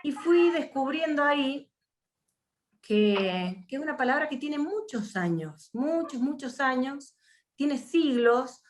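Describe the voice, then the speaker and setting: High-voiced and lively in her intonation, a workshop facilitator from Mendoza speaks slowly in an Argentine Spanish accent, with slight background noise. She is running an online session over a video call and thinks aloud, often using fillers and restarting her sentences.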